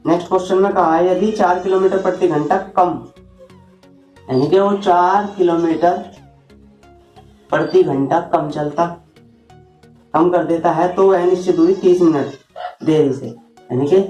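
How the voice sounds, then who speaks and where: A man's voice: sits high, unhurried, pauses often, darkish tone, faint music behind. Man teaching math in an echoey room. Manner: informal, often calls students "brother" and asks rhetorical questions. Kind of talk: board lesson explaining shortcuts.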